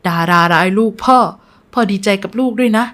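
A greedy, jovial farmer father, loud and excited, breaking into hearty laughs, as a woman reads his part. His voice is close to the narrator's own. This is a storybook folk tale. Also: on the high side, brisk, close to an everyday voice. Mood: delighted.

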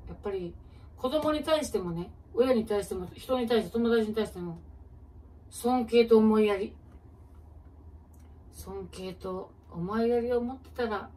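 A woman comedian with a Kansai accent, musing aloud in relaxed casual chat while she preps food, answering viewer comments. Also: on the high side. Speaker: comedian and channel host. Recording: distant mic with faint kitchen noise.

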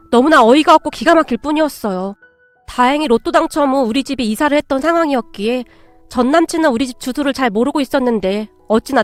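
A woman tells a first-person story in a high, clear voice, reading it as a scripted narration. The sound is dry and close-miked. Faint music plays underneath. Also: no room sound. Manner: plain, storytelling, exclaiming at twists.

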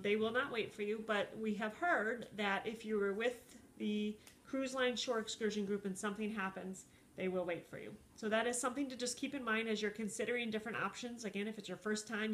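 A woman's voice: medium pitch, fairly even intonation, a little fast, few pauses, a bit bright, a little hiss or hum. A woman in her thirties hosting a casual travel vlog at home, talking in a friendly, easygoing way with frequent fillers. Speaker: cruise vlog host. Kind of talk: casual chat. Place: living room at home.

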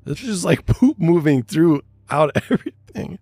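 A man's voice: on the high side, normal speed, husky, dry recording, studio quality, faint music behind. Laughing man telling a story. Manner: laughs often, relaxed storyteller. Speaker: podcast co-host. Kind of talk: casual storytelling chat.

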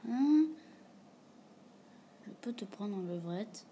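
Soft-muttering young woman, slow and mellow. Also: medium pitch, expressive, slight background noise. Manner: often drops to a quiet, half-whispered mutter; reads the bot's replies aloud and answers them. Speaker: YouTuber chatting with a chatbot. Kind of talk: casual gaming commentary. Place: room at home with a door.

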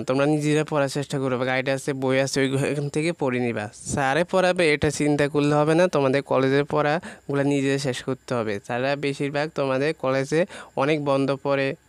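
A man teaching students, walking through an exam syllabus topic by topic in an informal way, with frequent pauses and fillers. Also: mid-range voice, clean tone, dry recording. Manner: talks directly to students, lists topics one by one with many pauses and fillers. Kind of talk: informal syllabus walkthrough lesson.

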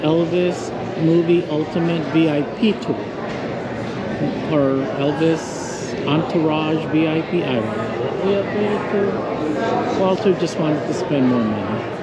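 A woman's voice: low voice, slow pace, over a noisy crowd. A woman narrating a casual travel vlog, chatty and joking as she goes. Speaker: travel vlogger.

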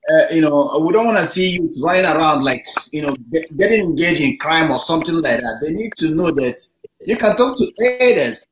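A man's voice: a little high, expressive, a little fast. A man hosting a talk show over a video call, affirming his guest with many "you know"s. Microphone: video call webcam. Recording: roomy webcam audio with background noise.

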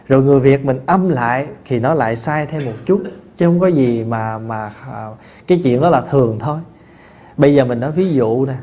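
A man, a Buddhist monk teacher giving a dharma talk in a folksy, conversational way, with many fillers and restarts and lively anecdotes. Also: mid-range voice. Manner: tells lively anecdotes with laughter. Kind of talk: dharma talk answering questions.

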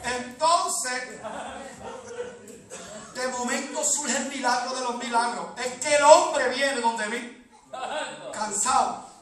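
A man preaching as an evangelist, telling stories that build up to shouted calls for praise, recorded in a large church hall. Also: very high-pitched, slow, long pauses. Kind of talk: sermon. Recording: echoey hall, mic from a distance, congregation noise.

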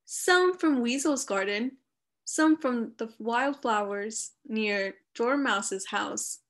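A woman's voice: fairly high pitch, slow pace. A woman voicing a perfectionist male badger gardener in a storybook, earnest and careful about order. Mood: eager.

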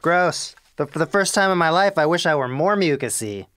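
A young man with a head cold, speaking in a somewhat high, bright, expressive voice, talks a little fast. Congested but upbeat, this music producer and YouTuber explains his sound design in a home studio as a casual tutorial vlog.

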